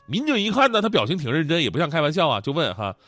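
A man's voice: a little high, very fast, no room sound, faint music behind. A man, hosting and telling funny stories lots of laughter. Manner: animated, joking, laughing often. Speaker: host. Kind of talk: comedic storytelling.

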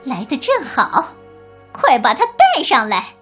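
A woman's voice: sits high, sing-song, measured pace, fairly bright tone, soft background music, full character voice. Woman doing a sly, wicked snake spirit. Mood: gloating. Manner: sly and gloating.

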